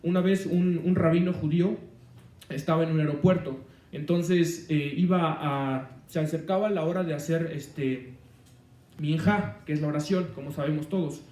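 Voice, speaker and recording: A man's voice: on the high side, steady tone, normal speed, darkish tone, reverberant, recorded from a distance. A man preaching a sermon on the weekly Torah portion, rambling, with many fillers and restarts.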